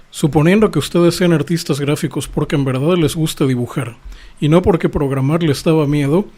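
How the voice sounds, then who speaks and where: A man's voice: fairly high pitch, a little mellow. A man hosting a podcast, giving a scripted monologue in an explanatory, lecturing way and speaking straight to his listeners. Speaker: podcast host.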